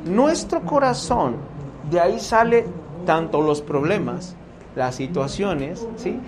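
Animated Mexican man teaching a Bible class. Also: sits high, slow, crowd noise. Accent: Mexican Spanish. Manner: animated, keeps asking "¿sí?" to check his listeners. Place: room with a live class.

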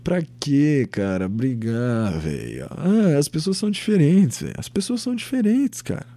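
This young Brazilian podcast host speaks at a moderate pace in a slightly high voice. He rants with animation about his opinions, swearing without restraint and imitating the voices of those he quotes.

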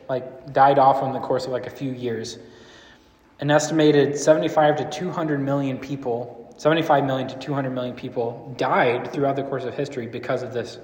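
A man with a mid-range, darkish voice teaches a church series to a live audience in a large room. He's casual and rambling, often asking the room questions, and the hall is echoey with long reverb.

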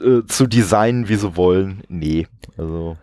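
A man's voice: low-pitched, moderate pace, warm tone, no room sound, clean studio sound. Chatty man hosting a retro gaming podcast. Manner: chatty, many fillers, laughs often. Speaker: podcast host. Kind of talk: casual podcast chat.

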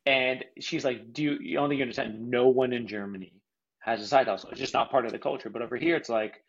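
A man's voice: mid-range voice, steady tone, quick pace, husky, muffled recording. A man hosting a podcast, chatting in an upbeat, casual way. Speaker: podcast host. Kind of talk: casual interview.

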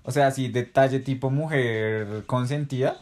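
A man's voice: medium pitch, normal speed, a little mellow. Young man, casual chat, slangy storyteller. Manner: slangy, storytelling, laughs often. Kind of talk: casual chat between friends.

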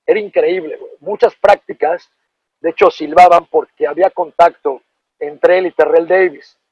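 Speaking at a normal speed in a fairly high, slightly rough voice, a middle-aged man with a Mexican Spanish accent recalls a story from his days as a football player. He tells it casually and with animation, using plenty of slang and profanity, and the audio is dull with no echo.

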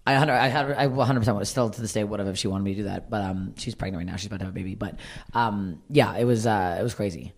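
A comedian from Canada, a woman, chatting candidly on a podcast in a blunt, profane, animated way. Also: extremely low pitch, quick pace, slightly rough. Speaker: stand-up comedian, guest.

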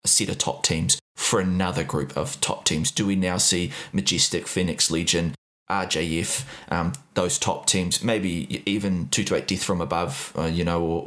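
Male podcast host, low voice, thoughtful, measured questioning. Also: a bit bright. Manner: measured, probing, many fillers. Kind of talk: casual podcast interview.

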